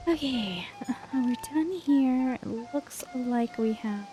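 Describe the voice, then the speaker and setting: A soft-spoken woman doing casual game commentary and reading quest text aloud. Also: sits high, takes it slowly, soft background music, poor audio. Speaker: gamer, host of a play-through.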